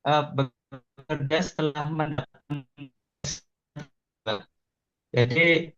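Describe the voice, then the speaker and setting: A man's voice: fairly high pitch, steady tone, a little slow, a bit bright. A man in an online class answers a question hesitantly, with many filler sounds, while his audio breaks up over a bad connection. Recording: dull lo-fi online call audio.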